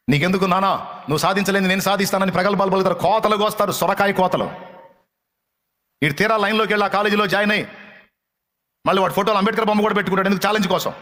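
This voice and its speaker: A man preaching a fiery sermon, scolding his listeners harshly with rapid, repeated rebukes. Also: high-pitched, bright, forceful tone, long reverb tail.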